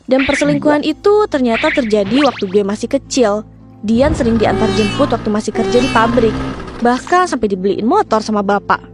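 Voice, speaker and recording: A young adult woman from Indonesia with speech, telling a personal story casually in the first person. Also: a little high.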